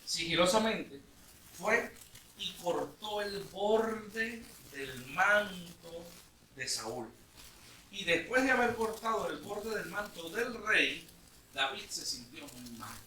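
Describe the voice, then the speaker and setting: A male pastor preaching a lively sermon, retelling a story with acted-out lines and questions to the congregation. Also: high-pitched, slow. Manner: lively storytelling, acting out bits of dialogue with sudden loud outbursts. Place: church meeting hall. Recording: echoey room from a distance with faint noise.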